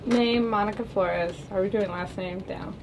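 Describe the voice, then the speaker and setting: A woman's voice: medium pitch, fairly even intonation, normal speed, noisy background. A woman in her thirties, chatting as a podcast guest with lots of fillers. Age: 30s. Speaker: panel guest. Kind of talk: casual podcast chat.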